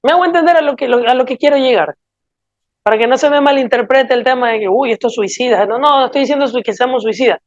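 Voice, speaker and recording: A woman's voice: fairly high pitch, a little mellow, no room sound. A woman preaching a sermon in an earnest, pleading way, often asking the listeners rhetorical questions. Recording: dull lo-fi dry sound.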